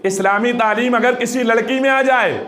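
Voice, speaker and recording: A man preaching to a gathering in a very high voice, telling a story and voicing each side of the conversation. He urges his listeners to pause and reflect. The sound carries a strong echo from the room. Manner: animated storytelling, acting out dialogue, calling for reflection. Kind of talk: storytelling sermon. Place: religious gathering with audience. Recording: echoey room.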